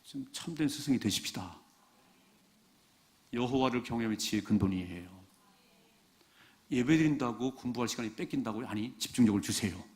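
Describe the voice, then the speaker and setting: A man's voice: medium pitch, fairly quick, pauses often, a little mellow. A man preaching a sermon as pastor, speaking straight to the congregation with frequent rhetorical questions.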